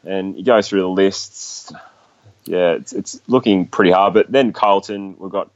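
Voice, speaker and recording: A man's voice: deep voice, a little slow, dry recording. An Australian man talking casually as a guest in a sports discussion, on slightly dull, lo-fi audio.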